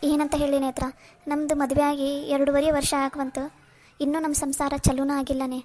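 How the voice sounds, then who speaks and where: A woman's voice: high voice, level tone, moderate pace, mellow, natural voice. A woman voicing a sorrowful young wife in a cartoon, pleading and near tears. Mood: sad.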